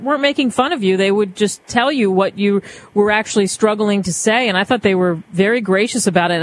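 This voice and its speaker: A radio host from the Philadelphia area, chatty and quick, asking questions with laughing asides in a casual interview. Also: mid-range voice, a little hiss or hum, low-quality recording.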